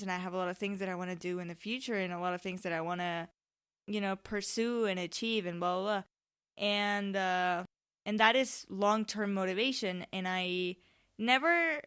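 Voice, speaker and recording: A woman's voice: mid-range voice, a bit bright, clean tone. A young woman of seventeen hosting a casual solo podcast in an informal, rambling way, often interrupting herself and wandering off on digressions. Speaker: podcast host. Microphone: microphone on a tripod.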